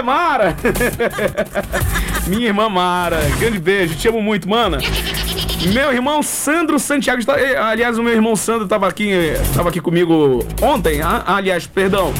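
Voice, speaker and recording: A man, hosting a casual radio show with enthusiastic, rambling chat and shout-outs. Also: high-pitched. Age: 40s. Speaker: radio host. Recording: music bed under the talk.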